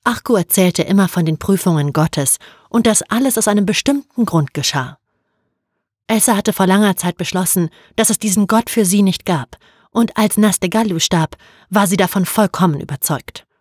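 A woman narrating an audiobook in a calm, even storytelling manner. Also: mid-range voice, moderate pace, breathy edge, no echo, studio quality.

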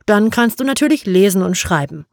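A woman voicing a friendly, gently questioning male police officer in an audiobook. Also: medium pitch, lively intonation, brisk, vocal fry, no room sound, studio quality. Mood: gentle.

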